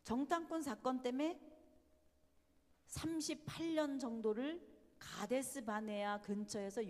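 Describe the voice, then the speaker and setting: A woman giving a Bible study lecture, animated and emphatic, often putting rhetorical questions to her listeners. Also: a little high, long reverb tail.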